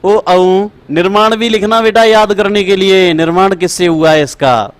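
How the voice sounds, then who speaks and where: A man teaches a class in a high voice. He speaks slowly and chants each rule several times so students can write it down. He calls them brother and child as he talks. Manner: repetitive, chanting rules for dictation. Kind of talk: classroom lecture.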